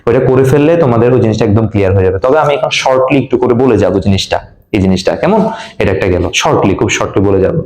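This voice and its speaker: A man's voice: fairly low pitch, animated, rapid-fire, a little mellow. A man with a Bangladeshi Bengali accent teaching an English grammar class, quizzing students and repeating the key words. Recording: echoey classroom.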